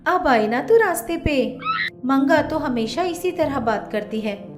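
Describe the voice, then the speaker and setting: A woman voicing a teasing young village friend who keeps needling with questions. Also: high-pitched. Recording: roomy echo.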